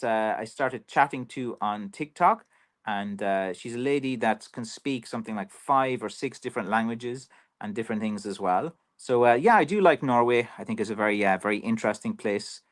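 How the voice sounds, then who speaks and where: An Irish man who makes walking sticks for a living, chatting casually on a livestream, rambling with lots of fillers. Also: medium pitch. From Ireland. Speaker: professional stick maker. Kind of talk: casual livestream chat reading viewer comments.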